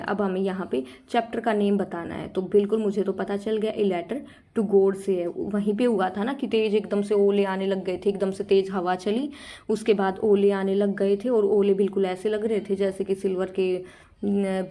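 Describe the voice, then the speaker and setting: A young woman teacher going through exam questions, reading English lines slowly and explaining them in chatty Hindi with frequent checks like "okay" and "see". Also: medium pitch, little pitch movement, dark tone.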